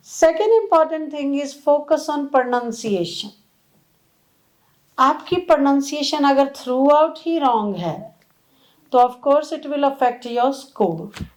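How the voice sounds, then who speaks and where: A woman's voice: high voice, darkish tone, low-quality recording. A woman coaching exam students in a video lesson, switching between Hindi and English. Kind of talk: video lesson on test tips.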